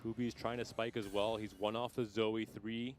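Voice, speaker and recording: A man doing live esports commentary, calmly explaining strategy as he analyzes the matches. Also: on the low side, normal speed, faint music behind. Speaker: esports caster.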